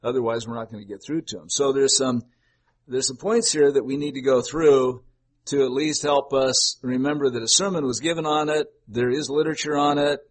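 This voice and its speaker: An older man delivers a sermon in a relaxed, conversational manner, chatting with his congregation rather than orating. His voice has a husky, slightly breathy edge, and it sits at an ordinary middle pitch. He wanders into folksy asides as he talks. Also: fairly quick. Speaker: pastor.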